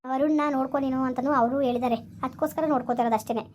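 A woman's voice: high-pitched, fairly even intonation, very fast, darkish tone, slight background noise, natural voice. A young woman, acting in a village skit, earnestly explaining and pleading with elders.

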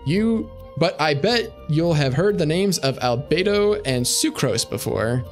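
A fussy young alchemy scholar talks in a wordy, self-deprecating way, as a man reads him aloud. The voice sits a little higher than usual and moves lively across its range. It is a game character read casually. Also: measured pace, faint music behind. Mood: earnest.

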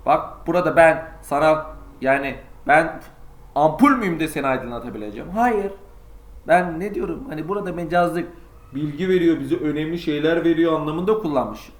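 Male teacher, slightly high voice, chatty online class, poses and answers his own questions. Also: reverberant. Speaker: Turkish teacher. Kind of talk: online lesson for sixth graders.

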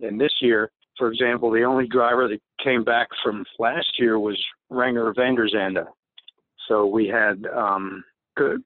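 A man's voice: on the low side, dry recording. A man, a race team mechanic, talking as a podcast guest over a remote call, answering with many fillers and restarts. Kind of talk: casual interview answers. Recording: tinny phone line.

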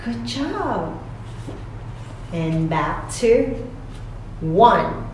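A woman's voice: medium pitch, very animated, drawn-out words, a little mellow. A woman teaching children like a kids show host, with simple, exaggerated delivery and encouraging praise. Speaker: children's English teacher hosting a lesson. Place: small indoor classroom by a whiteboard. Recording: echoey room, far from mic, noise.

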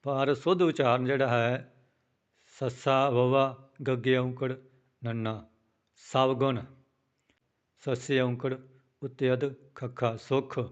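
Man slowly chanting then spelling verses. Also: mid-range voice, level tone, clear, resonant tone, muffled recording. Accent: Punjabi. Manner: slow drawn-out chanting of verses, then quick spoken spelling instructions. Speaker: scripture recitation teacher. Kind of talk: pronunciation lesson with chanted recitation.

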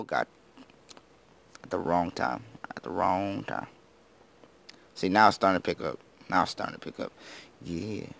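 Low-voiced teenage boy gaming vlogger. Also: creaky. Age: teens. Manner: rambling, self-deprecating, slurs words. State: just woken up. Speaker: gaming YouTuber. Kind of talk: casual gameplay commentary.

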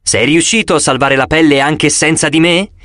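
A man's voice: a little high, steady tone, moderate pace, fairly bright tone, dry recording, studio quality, close to an everyday voice. A man voicing a cocky, brash male talking pegasus in an audiobook. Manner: brash, streetwise.

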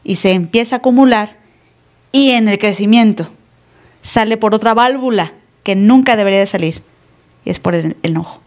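A woman's voice: medium pitch, normal speed, pauses often, a little mellow. A woman pastor giving a live sermon in a conversational way, acting out quoted dialogue and asking the congregation questions. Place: church. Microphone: live stream.

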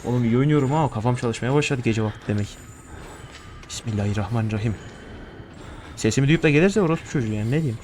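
A man's voice: mid-range voice, fast, pauses often, darkish tone, slight background noise. A young man giving casual horror gameplay commentary, nervous and joking, swearing often as he plays. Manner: jittery, profane, joking to himself. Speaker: gaming streamer.

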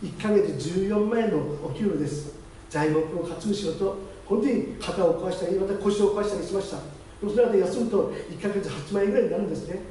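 A man, the pastor, giving a lively testimony sermon and acting out the voices of the people in his story. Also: high voice, brisk. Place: church chapel. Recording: very echoey hall, distant mic, faint noise.

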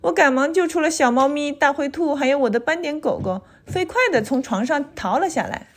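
A woman reading a children's picture book aloud in a clear, expressive storytelling delivery. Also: sits high, fairly quick, a little hiss or hum.

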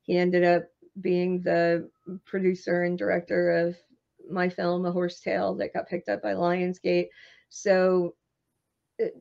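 A woman guest in an interview, telling animated stories about her career and laughing often. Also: lowish voice, unhurried, vocal fry, muffled recording. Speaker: screenwriter and marketing guest. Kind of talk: interview storytelling.

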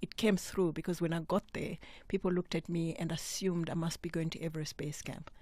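An earnest woman in her fifties speaks as a guest on a studio microphone. Her voice is on the low side, the sound is dry, and she puts firm emphasis on her points and laughs easily. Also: steady tone, brisk, mellow, no room sound. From South Africa. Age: 50s. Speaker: guest mountaineer. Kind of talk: radio interview. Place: radio studio. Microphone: studio mic with headphones.

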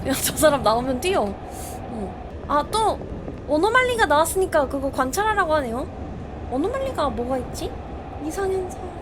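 High-voiced excitable woman streamer. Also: noisy background. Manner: jumpy, shrieks and exclaims when startled. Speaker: game streamer. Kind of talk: live gameplay commentary.

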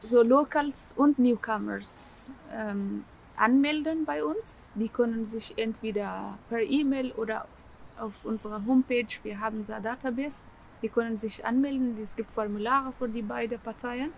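A woman speaks slightly high and halting, filling pauses while she hunts for the next word. She is interviewed outdoors in a garden, with a faint hiss of open air behind her. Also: gravelly, poor audio. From Afghanistan. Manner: searching for words, frequent fillers and restarts. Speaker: co-founder of the association. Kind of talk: interview answers to camera. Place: outdoors in a garden by leafy plants.

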